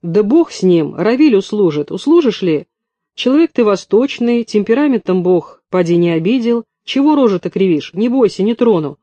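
A man's voice: sits high, expressive, normal speed, dark tone, no echo, dull audio. A man reading an audiobook, voicing a brash, coarse woman who mocks everyone in a folksy way. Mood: lamenting.

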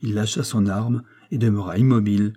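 A man narrating a classic novel in a measured, dramatic storytelling manner. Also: on the low side, fairly even intonation, dark tone. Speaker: audiobook narrator. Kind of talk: literary audiobook narration.

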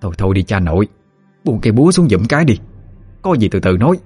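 A man's voice: on the low side, very animated, fast talker, mellow, breathy edge, long reverb tail, faint music behind. A man voicing an exasperated male villager trying to break up a fight, pleading and scolding.

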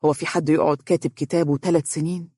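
Narrator doing a gentle, firm young husband. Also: mid-range voice, level tone, breathy edge, dry recording, close to an everyday voice. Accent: Egyptian Arabic. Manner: gentle yet firm, quick. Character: calm, patient young husband.

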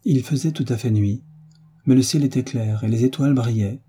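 Dark, husky male audiobook narrator. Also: medium pitch, normal speed. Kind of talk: scripted narration.

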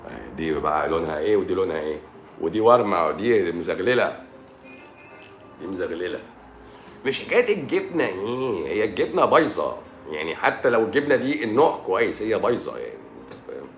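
Egyptian man, doctor on a live stream, sore throat, lively and sarcastic banter, echoey room. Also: low-pitched, fast, faint music behind. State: sore throat and swollen eye. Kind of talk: casual live-stream chat answering comments.

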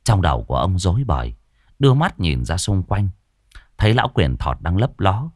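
Deep, lively male storyteller. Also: normal speed, no echo, studio quality. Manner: lively, emphatic. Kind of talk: ghost story narration.

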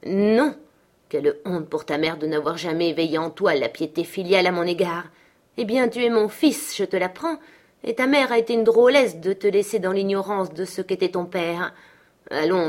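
A woman reading aloud, voicing a sarcastic, scornful middle-aged father who speaks loudly and mockingly. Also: fairly low pitch, lightly acted. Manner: mocking, loud and forceful.

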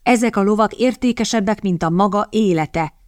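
Audiobook: a cheeky, sharp-tongued young valet, voiced by a woman narrator, dry sound. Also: fairly low pitch, expressive, dry recording, close to an everyday voice. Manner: brisk and cheerful.

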